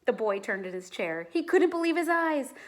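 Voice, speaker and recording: Expressive woman reading a children's story. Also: high voice, moderate pace. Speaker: teacher reading aloud.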